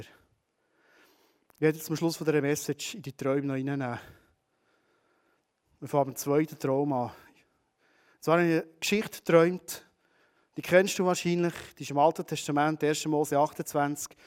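High-voiced Swiss German preacher. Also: male voice, a little mellow. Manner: conversational, addresses listeners directly. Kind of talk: sermon.

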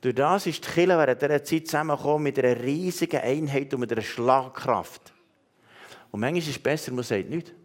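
A man's voice: medium pitch, a little fast. A man with a Swiss German accent preaching, giving earnest prophetic words straight to people in the congregation, with frequent hesitations. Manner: earnest, addresses listeners directly, many hesitations. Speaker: pastor.

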